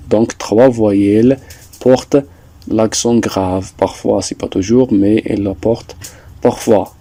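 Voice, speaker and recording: A man teaching a French lesson, explaining slowly and deliberately, repeating points with some hesitations. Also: on the low side, dark tone, no echo. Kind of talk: slow classroom explanation.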